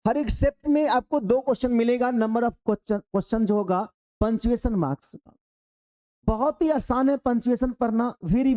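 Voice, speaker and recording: A male teacher gives an online exam-prep grammar lesson in a warm, mellow voice. His voice sits fairly high for a man. He talks straight to his students and repeats key phrases to drive a point home. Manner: explains slowly through a worked example.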